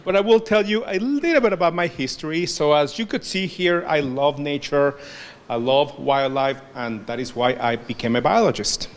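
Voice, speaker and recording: A man's voice: a little high, normal speed. A man in his forties, from Mexico, teaching a biology class and sharing his background in a friendly, personal way. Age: 40s. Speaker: biology lecturer. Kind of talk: classroom lecture with interpreter. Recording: echoey hall with faint ambience.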